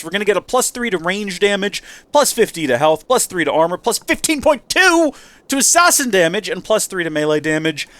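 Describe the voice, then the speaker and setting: Rambling and chatty, a let's play host comments casually in a voice that's on the high side and a bit bright. A stuffy nose gives his speech a slightly nasal quality.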